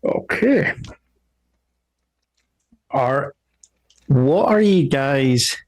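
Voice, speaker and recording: A man narrating a tabletop game as game master. He speaks slowly and haltingly in a middle-range voice, filling pauses with ums and uhs. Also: mid-range voice, expressive, darkish tone. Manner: slow, hesitant, many fillers.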